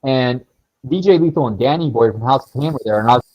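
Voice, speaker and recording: A man guesting on a casual livestream chat, telling stories in a quick, slangy way. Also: mid-range voice, a little mellow, rough recording. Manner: fast storyteller, laughing, slangy.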